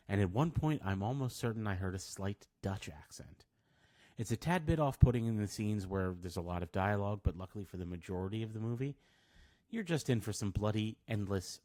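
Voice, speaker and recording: Very deep-voiced man reviewing a film. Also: darkish tone. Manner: wry, dry asides.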